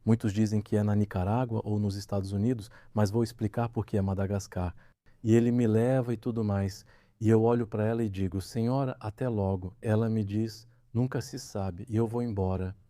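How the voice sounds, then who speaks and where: A man speaks as an interview guest, telling his personal story in a low, mellow voice. He slips into the lines of the people in the story as he retells them. The sound is close and dry, with no room around it. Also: fairly even intonation, brisk, dry recording. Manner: vivid retelling, acting out quoted dialogue.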